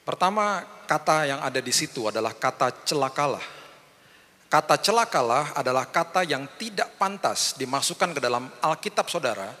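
A middle-aged male pastor preaching in a large church hall, his forceful, bright voice trailing off into a long reverb. He tells personal stories, acts out the voices of the people in them, and turns often to address the congregation directly. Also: on the high side, expressive, moderate pace. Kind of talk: sermon.

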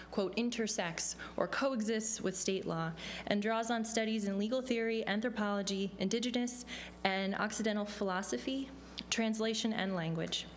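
A young woman at a podium reads a panelist's introduction, measured and dotted with ums. Her voice sits at a middle pitch, with a faint hum behind it. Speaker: panel moderator. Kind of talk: reading a speaker introduction. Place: law school lecture hall. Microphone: podium microphone.

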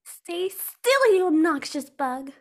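A woman's voice: extremely high pitch, very animated, slow, voice pushed up, heavily acted. A woman voicing a smug, mocking young female villain in a fan story reading. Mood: gloating. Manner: mocking, giggly, hissing.

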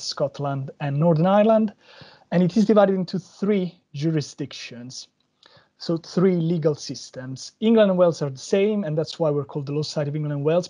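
A man from Italy with an Italian accent, giving a measured, explanatory webinar presentation over a video call. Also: fairly high pitch, dark tone. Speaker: policy advisor speaker.

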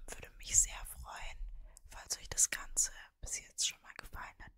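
A woman in her early twenties speaks in a soft, breath-only whisper right up at a desktop microphone. She has a Mannheim German accent and chats casually in an intimate ASMR style. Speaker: ASMR creator and streamer. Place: cosy bedroom, indoors. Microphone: desktop microphone, very close.

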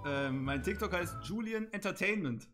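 A man hosting a prank video chat, talking casually in slang and teasing strangers in a low, conspiratorial way. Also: animated, moderate pace, music in the background.

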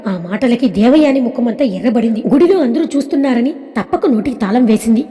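A woman narrating a dramatic family story in a steady, scripted reading. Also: fairly high pitch, brisk. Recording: long reverb.

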